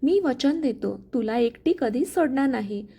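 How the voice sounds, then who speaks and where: A woman voicing a kind, protective young husband in a spoken family story, talking calmly and gently. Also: high voice, measured pace, breathy edge, heavily acted. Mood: calm tender. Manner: calm, gentle.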